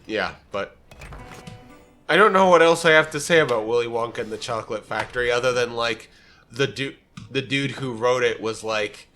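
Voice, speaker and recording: Bright-voiced man chatting casually, halting. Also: mid-range voice, faint music behind. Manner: halting, repeats phrase openings. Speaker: let's play co-host watching and commenting. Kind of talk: casual chat.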